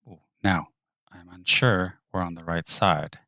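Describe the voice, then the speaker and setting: Male streamer, deep voice, close and dry, muttering commentary while he works. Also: steady tone, a little slow, pushed and bright, no echo. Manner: thinks aloud, muttering and whispering to himself. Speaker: 3D artist streaming his work. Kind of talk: live-stream narration of work.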